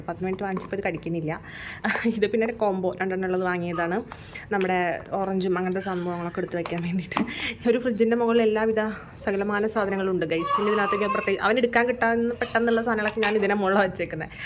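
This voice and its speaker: A young woman from Kerala, a mother, chatting casually in a home vlog from her bedroom and often adding little "you know" tags. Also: fairly low pitch. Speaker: vlogger and mother of a baby. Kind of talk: casual daily-life vlog. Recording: clear room ambience noise behind.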